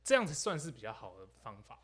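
A man's voice: medium pitch, huge pitch swings, quick pace, fairly bright tone, slightly rough. A man with a Taiwanese Mandarin accent co-hosting a podcast, cracking jokes and finishing the others' stories. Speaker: podcast co-host. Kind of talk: casual chat.

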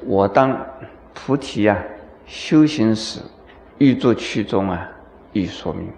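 A Buddhist monk with a fairly low, darkish voice gives a dharma lecture, telling stories, acting out dialogue with chuckles and frequently asking his audience questions. The room is echoey, with a little hiss or hum.

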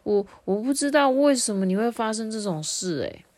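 A woman's voice: fairly high pitch, lively intonation, normal speed, a little mellow, no echo, pitched above the performer's own voice, close to an everyday voice. A woman voicing an earnest young schoolboy friend who stammers and stresses his words in a storybook read-aloud.

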